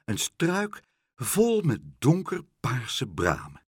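Husky man reading a storybook slowly. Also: mid-range voice, dry recording, clean studio sound. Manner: lively character voices, playful. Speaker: narrator.

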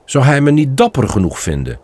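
A man's voice: medium pitch, very animated, a little fast, a little mellow, husky, no echo. A man voicing a shy, eager young male fawn in a storybook reading, in an earnest, lightly raised childlike tone.

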